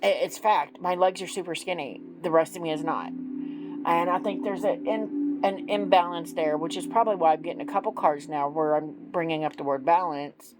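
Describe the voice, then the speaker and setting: A woman in her forties talks through a tarot spread in a loose, chatty way. She is self-deprecating and drops in ums as she goes. Her voice sits low, and music plays clearly behind her. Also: normal speed, low-quality recording. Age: 40s. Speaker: tarot reader. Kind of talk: casual tarot reading vlog.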